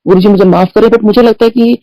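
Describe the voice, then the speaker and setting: A woman's voice: mid-range voice, steady tone, quick pace, warm tone, no room sound, low-quality recording. Chatty middle-aged woman, devotional talk. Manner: chatty, mixes English phrases into Hindi. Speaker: devotee sharing experiences. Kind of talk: spoken testimony in a satsang.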